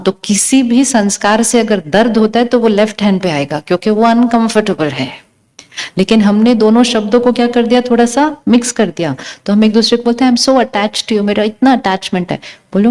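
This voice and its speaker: A woman delivers a spiritual talk to a gathered audience at a middle pitch. She quizzes her listeners and counts off single words in a slow, teaching way. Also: a little mellow. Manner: questions the audience, lists words one by one. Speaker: spiritual speaker.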